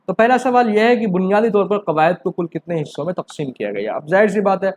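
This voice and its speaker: Expressive in delivery, a male Urdu teacher works through grammar for exam preparation. He answers his own rhetorical questions, his voice rising on emphatic questions and then sinking low.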